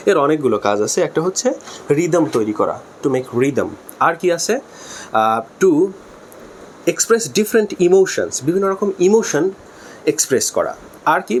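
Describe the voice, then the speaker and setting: A man with a Bangladeshi accent who teaches a linguistics lesson, explaining slowly, repeating key terms, spelling words aloud and mixing in English terms. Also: fairly high pitch, slight background noise. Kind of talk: spoken lesson.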